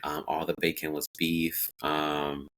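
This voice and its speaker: A man's voice: rumbling low, little pitch movement, unhurried, a bit bright, poor audio. A man in his forties, a podcast guest, talking reflectively in casual interview chat with many fillers. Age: 40s.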